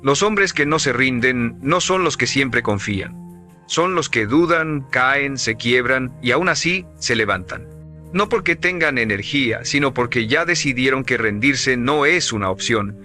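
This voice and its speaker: A man giving scripted motivational narration in an emphatic, measured, preaching cadence. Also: mid-range voice, animated, bright, forceful tone, faint music behind.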